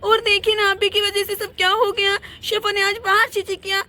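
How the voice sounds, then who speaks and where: A woman's voice: very high voice, flat delivery, normal speed, pushed and bright. A woman voicing a cross, scolding mother in a doll play, bossing her husband around. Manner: scolding, bossy.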